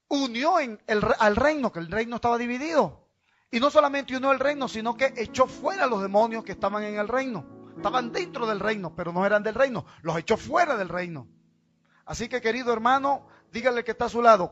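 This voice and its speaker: High-voiced man preaching a sermon. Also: a bit bright. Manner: repetitive call-and-response preaching. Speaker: pastor. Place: church. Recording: dull lo-fi church recording with faint music.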